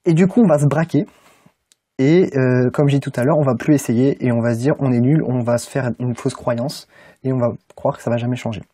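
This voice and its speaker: A young man from France talks straight to his viewers in a relaxed, informal way, pausing often on filler sounds as he thinks aloud. His voice is husky and dark in tone. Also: mid-range voice, no echo. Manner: informal, many "euh" fillers, speaks directly to viewer. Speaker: English-learning YouTuber. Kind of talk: casual motivational talk to camera.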